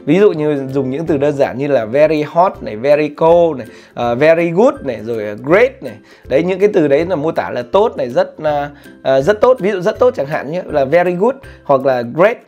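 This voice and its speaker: Guy rambling thru study tips, lots of uh and restarts, bit high voice, faint music behind. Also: expressive, fairly quick, a little mellow. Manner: rambling, many fillers and self-corrections; says plainly he is not a teacher. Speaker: vlogger sharing study tips. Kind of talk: casual spoken tutorial. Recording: light background music.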